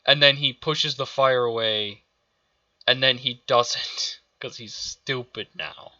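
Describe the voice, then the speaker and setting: Slow, sharp-voiced ranting man. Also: mid-range voice, steady tone, no room sound, muffled recording. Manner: exasperated, profane, stammering restarts. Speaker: video reviewer. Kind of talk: ranting show review.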